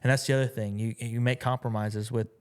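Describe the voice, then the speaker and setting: Smooth-voiced man chatting as a guest. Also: mid-range voice, fairly even intonation, fast talker, darkish tone. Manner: rambling, with many fillers and restarts. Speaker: musician guest. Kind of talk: casual interview chat.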